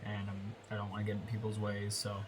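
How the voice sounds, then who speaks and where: A young American fitness vlogger with a congested nose rambles casually about his workout in a voiceover, full of fillers and self-corrections. Recorded on a close voiceover mic with background noise, his lowish voice is monotone and fast.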